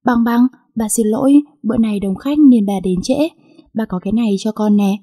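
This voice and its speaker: A woman voicing a gentle, poor father who drives a cycle rickshaw, speaking tenderly. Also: mid-range voice, normal speed, breathy edge, no echo, studio quality, close to an everyday voice. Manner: tender, kindly.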